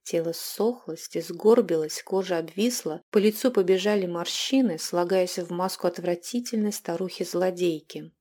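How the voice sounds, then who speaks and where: A woman reads dark fantasy narration in an audiobook. Her reading is expressive and measured, at a middle pitch for a woman.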